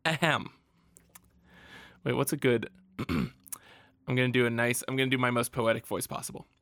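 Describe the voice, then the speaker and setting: A man co-hosts a casual comic book podcast in a bright, forceful voice with a dry, close sound. He talks in an animated way, swears freely and laughs often. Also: medium pitch, fairly quick, clear, resonant tone, dry recording. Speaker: podcast co-host.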